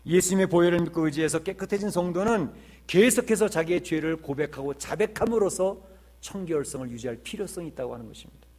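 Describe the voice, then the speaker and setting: A man's voice: a little high, darkish tone. A male pastor preaching a sermon in an earnest way, with emphatic swells and rhetorical questions.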